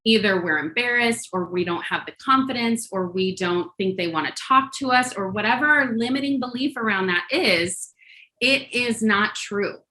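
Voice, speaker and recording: Woman coach on a video call, bright and sharp tone, chatty and upbeat, full of "um"s. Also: medium pitch, moderate pace, hardly any pauses, rough recording. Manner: chatty and encouraging, many fillers and restarts. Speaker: productivity coach hosting a group call. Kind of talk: casual coaching talk to a group.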